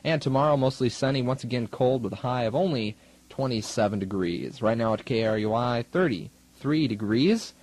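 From a 1980s college radio aircheck, a young American man at the studio mic chats and introduces music with casual wit. His medium-pitched voice has a darkish tone, moves at normal speed, and carries no room sound.

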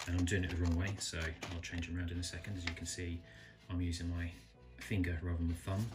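A man calmly reviewing a small pocket knife, thinking aloud and correcting himself as he goes. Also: deep voice. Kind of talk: casual product review narration. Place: indoors at a table, filming hands close up.

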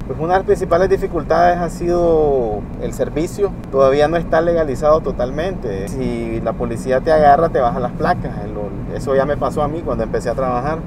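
A middle-aged man, a ride-hailing driver talking frankly about his work in an interview while driving. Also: medium pitch. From Nicaragua. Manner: plain-spoken and frank. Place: inside a car. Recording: clear car and traffic noise.

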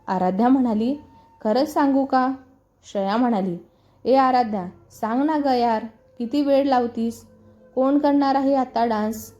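A woman reading a serialized family story aloud, voicing all the characters' lines in her own lively storytelling voice. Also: on the high side, unhurried. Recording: muffled voice over background music.

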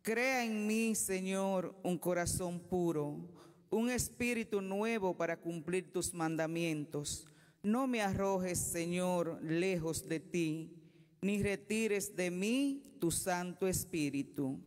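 A woman's voice: lowish voice, takes it slowly, darkish tone. A woman solemnly delivering a responsorial psalm at Mass in a church. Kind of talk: solemn liturgical psalm recitation. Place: church, at the lectern. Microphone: gooseneck lectern microphone. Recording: reverberant church sound.

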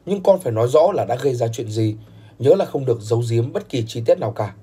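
Male narrator doing a stern old grandfather, dark and husky, reproachful. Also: medium pitch, lively intonation, quick pace. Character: older grandfather, stern business patriarch.

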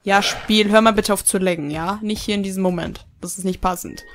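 A woman's voice: medium pitch, steady tone, fairly quick, slight background noise. A young woman chatting her way through a horse-riding video game, reading quest text aloud and grumbling when she gets lost. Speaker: Let's Play gamer. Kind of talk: casual gameplay commentary.

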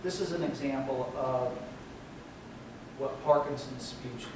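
A man's voice: medium pitch, slow pace. Guy giving a class lecture, explains step by step, lots of "okay?", sounds far off in a big echoey room. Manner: explanatory, checks in with "okay?", fillers. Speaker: university lecturer. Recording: echoey room, distant mic, noisy.

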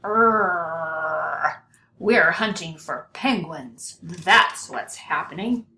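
A woman voicing rough, greedy animal hunters from a storybook with a growly chant. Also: deep voice, lively intonation, drawn-out words, bright, forceful tone, full character voice. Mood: gruff. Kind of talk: storybook character voice. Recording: roomy home recording, some hiss.

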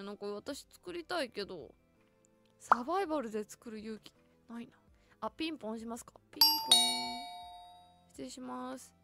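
A woman's voice: high voice, fairly bright tone. A voice actress giving chatty, casual commentary as she tours a game world and keeps exclaiming in delight.

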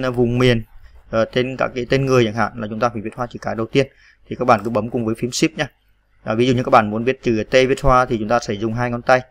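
Male tutor, monotone, slow step-by-step keyboard walkthrough with frequent fillers. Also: mid-range voice. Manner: patient, spells out letters one by one with many fillers. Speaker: computer typing tutor. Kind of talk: screen-recorded tutorial narration.

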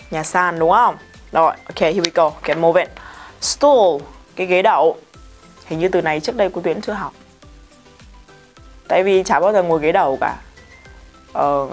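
Vietnamese-accented female English teacher, careful slow drills, brisk asides, faint music bed. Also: medium pitch. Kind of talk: vocabulary pronunciation lesson.

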